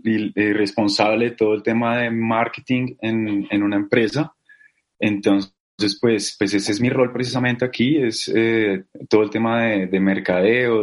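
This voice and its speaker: Bogotá guy being interviewed, kinda low voice, lots of ums and restarts. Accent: Bogotá Colombian Spanish. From Colombia. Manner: hesitant, many repeated fillers. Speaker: guest, company co-founder. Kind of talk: casual interview talk.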